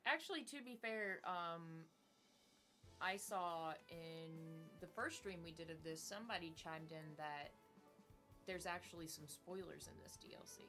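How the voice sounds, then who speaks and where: A woman's voice: on the low side, a little slow, bright, forceful tone. Woman co-host chatting over game music. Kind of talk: casual livestream chat.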